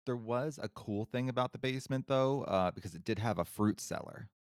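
A man's voice: mid-range voice, a little fast, clear, resonant tone, no room sound, studio quality. A man casually retelling a spooky true story as a podcast co-host, with wry, sarcastic asides.

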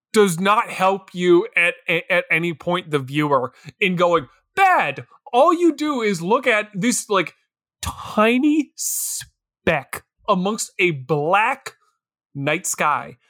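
A podcast co-host riffing on a movie, animated and laughing, acting out lines in silly voices. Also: mid-range voice, takes it slowly, no room sound, clean studio sound. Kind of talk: casual movie recap chat.

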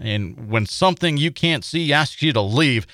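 An American man narrating a scripted paranormal feature as host, in a measured, suspenseful storytelling manner. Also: medium pitch, animated, heavy background noise.

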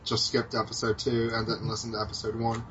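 Bright-voiced American man, lo-fi podcast. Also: fairly low pitch, monotone, fast, slight background noise. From United States. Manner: hesitant, many ums and restarts, swears casually. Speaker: podcast co-host. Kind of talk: casual chat about video games.

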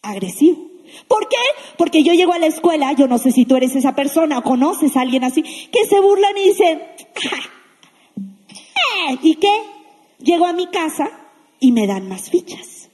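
High-voiced woman preaching in a hall. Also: normal speed. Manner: lively, asks the audience questions, acts out quotes. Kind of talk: sermon to a youth congregation.

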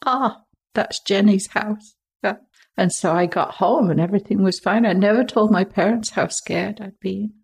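An older woman from England, a podcast guest, telling vivid childhood stories expressively and hushing her voice for suspense. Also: mid-range voice, normal speed, gravelly, breathy edge. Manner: expressive, dropping to hushed tones for suspense.

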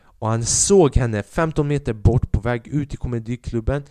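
A young man hosting his own podcast, telling a comedy club story in a profane, animated way and acting out other people's voices. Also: medium pitch, dry recording, clean studio sound. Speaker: podcast host and stand-up comedian.

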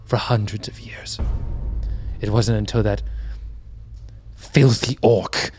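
A man game master voicing a powerful sorceress who raises the dead, speaking in a slow, echoey, dreamlike whisper that seems to come from far away. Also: fairly low pitch, fairly even intonation, a little mellow, faint music behind. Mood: aggrieved.

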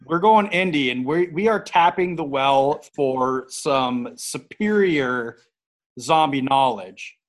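A man's voice: mid-range voice, lively intonation, takes it slowly, poor audio. A man from the northern US with a mild Minnesota accent, bantering casually as a podcast host.

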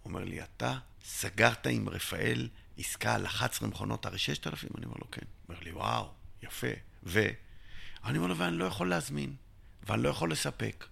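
A middle-aged man from Israel, an interviewee telling his business story in an animated way, acting out both sides of each conversation. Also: medium pitch, gravelly, husky. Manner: tells a story by acting out both sides of a dialogue, sometimes shouting. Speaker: interviewee, entrepreneur. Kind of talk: animated storytelling with acted dialogue.

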